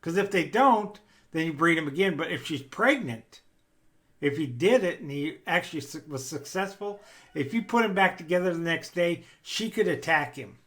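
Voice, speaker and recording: A man's voice: on the high side, animated, moderate pace, a bit bright. A man who breeds rabbits, giving a rambling, plainspoken how-to talk with a folksy manner.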